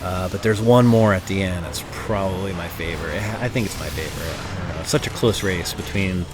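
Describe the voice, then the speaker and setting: A man's voice: low voice, a little fast. A man hosting a casual, enthusiastic video game commentary, informal and fannish in the way he talks. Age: adult, grew up with the original cartoon. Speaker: video host. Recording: voice-over with loud game music. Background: loud game music.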